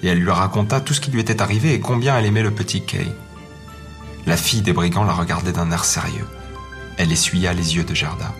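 A man calmly reading a fairy tale aloud as narrator. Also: sits low, fast. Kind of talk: scripted storybook narration. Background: faint music.

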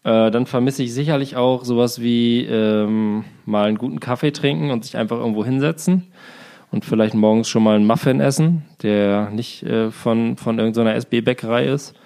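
A man's voice: medium pitch, steady tone, moderate pace, creaky, warm tone, smooth. A man in his thirties, co-hosting a casual chat, rambling with many fillers and dry jokes. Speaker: podcast co-host.

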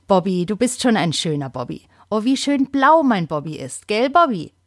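A woman voicing a loving grandmother who talks softly and coaxingly to her pet bird. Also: medium pitch, sing-song, moderate pace, no echo, clean studio sound. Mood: doting. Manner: soft, coaxing. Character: loving old grandmother, gentle and doting. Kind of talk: children's audio story.

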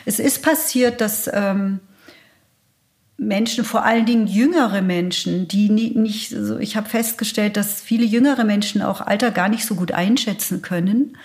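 A woman tells a personal story in a casual interview. She talks animatedly and acts out the lines of the other people in it. Her voice sits at a medium pitch. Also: normal speed, darkish tone. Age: 60s. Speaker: guest.

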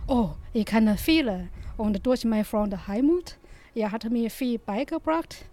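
Chinese-accented woman, dark voice. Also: fairly high pitch. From Northeast China. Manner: simple, halting German with fillers. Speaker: interviewee. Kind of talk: casual street interview.

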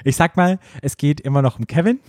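A man co-hosting a podcast in casual chat, reading a story aloud in a lowered voice. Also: a little fast, a little mellow, no room sound, clean studio sound. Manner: reads in a lowered voice, breaks into laughter.

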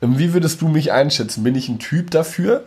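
A man's voice: a little high, lively intonation, a little fast, warm tone, breathy edge. Sarcastic young man on a podcast. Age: young adult. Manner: dry, sarcastic jokes. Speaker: podcast co-host. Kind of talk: casual banter.

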